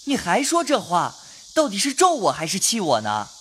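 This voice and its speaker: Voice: medium pitch, wildly swooping pitch, moderate pace, fairly bright tone, breathy edge, heavily acted. A voice actor playing an earnest, impulsive young nobleman who speaks in a pleading way, in an audio drama.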